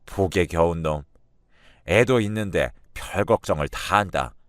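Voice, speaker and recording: Man putting on a blunt mocking buddy, deep gruff voice, dry sound. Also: unhurried, no echo. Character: gruff mocking male friend.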